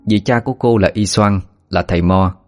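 A man narrating a story at a steady, even pace. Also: lowish voice, normal speed. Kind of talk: scripted narration. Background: faint music.

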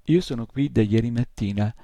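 A tiny male creature from a storybook speaks politely and with a little self-importance, as a man voices him. The voice is dark and gravelly. It sounds dry and close. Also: medium pitch, fairly quick, dry recording, natural voice. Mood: polite, earnest.

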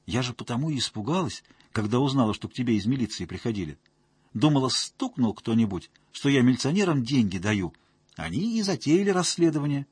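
A man's voice: medium pitch, sing-song, brisk, a little mellow, husky, dry recording. A man voicing a drunk, whining woman janitor who fawns and pleads. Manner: wheedling, whiny, ingratiating.

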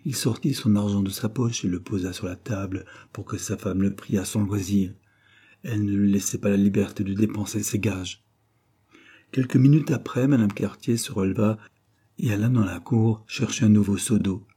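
A man reading a classic novel aloud as audiobook narration, in a steady, measured manner. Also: on the low side, breathy edge. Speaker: audiobook reader.

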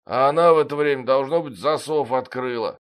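A man's voice: medium pitch, a little fast, smooth, natural voice. A man doing a rambling old sergeant. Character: boastful one-armed old soldier sergeant, rambling.

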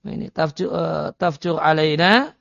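A man's voice: a little high, moderate pace, vocal fry, fairly bright tone, no room sound. A man giving a religious study lecture, reading Arabic lines and explaining them, with frequent hesitation fillers. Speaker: Islamic religious teacher. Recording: dry, dull lo-fi recording.

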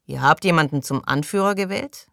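A man reading an audiobook, voicing an irritable, pompous male colony doctor who speaks loudly and defensively. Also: a little high, brisk, creaky, dry recording, clean studio sound. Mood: indignant. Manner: indignant, loud, defensive.

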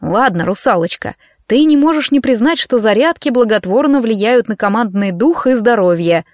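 A woman reading an audiobook, voicing a mocking, sharp-tongued male necromancer teacher. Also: a little high, lively intonation, normal speed, no echo, studio quality, lightly acted. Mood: teasing.

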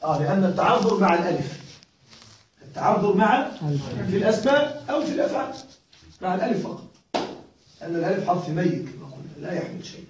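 A fairly high-pitched man teaches grammar to a room of students, repeating each rule and checking again and again that they are with him. His voice rings around a very reverberant classroom and sits at a distance from the microphone. A faint hiss of noise runs under it. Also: expressive, fast talker, long pauses. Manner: drills rules by repetition, often checks students follow. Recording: echoey room, mic far off.

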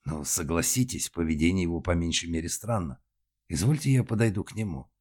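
A middle-aged actor rehearsing lines, as a male narrator plays him, measured and theatrical. The voice stays low and unhurried. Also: darkish tone. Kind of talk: audiobook character voice.

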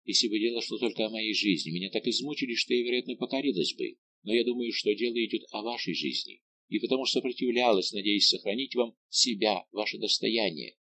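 A man's voice: lowish voice, fairly quick, hardly any pauses, bright, forceful tone, no room sound. A man reading an audiobook, voicing a young noblewoman who pleads with her royal lover in a passionate, pleading way. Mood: sorrowful.

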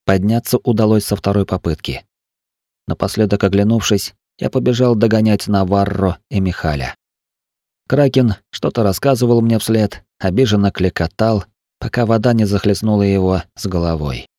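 A man reading a first-person adventure story aloud in a steady, measured way. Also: lowish voice, no echo, clean studio sound. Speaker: narrator. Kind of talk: scripted first-person audiobook narration.

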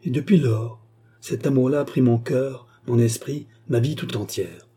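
A man's voice: mid-range voice, normal speed, warm tone, breathy edge, lightly acted. A man voicing a passionate, remorseful woman courtesan in an audiobook, pleading and impassioned.

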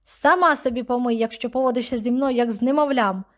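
A hot-tempered teenage girl in a storybook, as a woman narrator puts her on, her voice pitched up high and pushed loud. She pleads at first, then turns sharp and demanding. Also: fairly quick, close to an everyday voice. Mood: defiant. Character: upset teenage girl, quick-tempered and defiant.

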